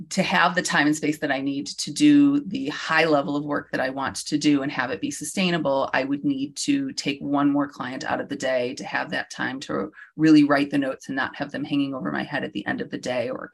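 A woman's voice: sits low, vocal fry. A woman therapist talking through her practice on a coaching podcast, reflective and hesitant, with many fillers. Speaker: therapist guest being coached. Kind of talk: casual podcast conversation.

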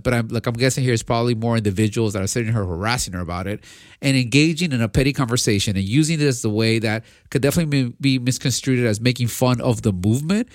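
A man's voice: mid-range voice, no echo, studio quality. A man co-hosting a podcast, giving his opinion in casual debate, often restarting and repeating words as he thinks aloud. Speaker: podcast co-host.

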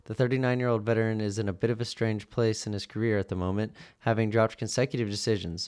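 Smooth, low-voiced man podcasting. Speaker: podcast host. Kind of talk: casual sports commentary, solo to camera.

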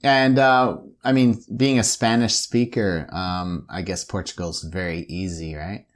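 A man's voice: deep voice, unhurried. Man hosting a cycling interview podcast. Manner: scripted intro then relaxed questions. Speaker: podcast host.

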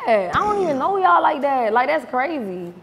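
A woman's voice: sits high, moderate pace, in a large hall, noisy background. Blunt, profane woman. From North Miami, Florida. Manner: blunt, profane, animated storytelling. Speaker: guest. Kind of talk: casual interview chat. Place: reverberant room with couch.

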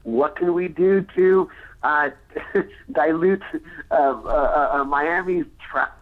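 A man earnestly discussing policy off the cuff as a commentator, wordy, halting and digressive, over a tinny phone-like line. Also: fairly high pitch.

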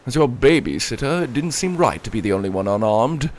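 A man's voice: mid-range voice, expressive, brisk, close to an everyday voice. Fussy worried beaver babysitter, proper and prim, bouncy voice, played by a man. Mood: earnest.

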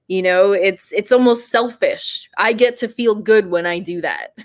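A woman's voice: mid-range voice, unhurried, dry recording. A woman in her mid-thirties, a guest in an interview, speaking candidly and laughing easily. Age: 30s. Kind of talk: casual interview conversation.

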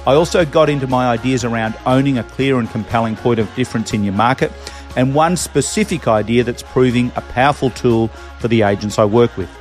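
A man's voice: mid-range voice, fairly quick, faint music behind. A man hosting a podcast, delivering a scripted introduction to the episode. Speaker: podcast host.

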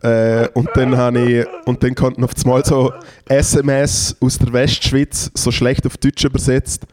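A man with a Swiss German accent chatting casually as a podcast co-host, often halting and repeating his words. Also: medium pitch, flat delivery, darkish tone.

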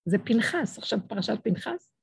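A woman's voice: sing-song, vocal fry, husky, no echo. A middle-aged woman giving an emotional religious talk to an audience, acting out dialogues as she speaks. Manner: impassioned, acts out dialogues with swinging pitch.

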